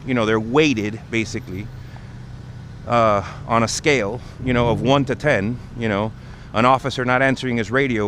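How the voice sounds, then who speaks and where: The speaker is a man with a mid-range, fairly bright voice, conversationally explaining things during a casual outdoor livestream he hosts on a city street. Vehicles pass and urban ambience and traffic noise can be heard.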